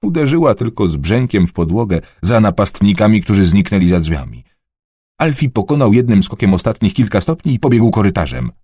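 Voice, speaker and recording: A man narrating an adventure novel in a dramatic, expressive storytelling manner. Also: fairly low pitch, fairly quick, slightly rough, dry recording, studio quality. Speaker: audiobook narrator.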